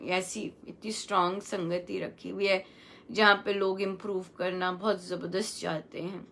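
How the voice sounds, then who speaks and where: A middle-aged woman giving a devotional talk on pronouncing chants, repeating each word slowly and mixing English words into her Hindi. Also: on the low side, level tone, gravelly, fairly bright tone, slight background noise. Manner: slow, repeats words carefully for pronunciation. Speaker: satsang speaker. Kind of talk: devotional teaching on chanting pronunciation.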